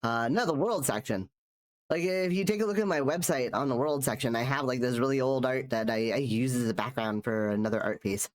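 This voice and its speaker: This streamer and artist speaks fairly quickly at medium pitch while drawing live. His chat is casual and rambling, full of restarted sentences, and a cold makes him sound nasal.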